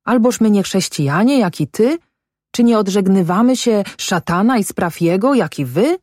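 A woman's voice: medium pitch, animated, moderate pace, darkish tone, no room sound, clean studio sound, pitched above the performer's own voice, lightly acted. A woman voicing an old village teacher who speaks earnestly and exclaims in an audiobook. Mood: shocked. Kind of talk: audiobook character voice.

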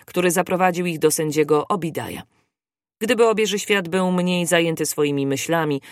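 Audiobook narrator, scripted narration, measured, mid pitch, dry. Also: no room sound.

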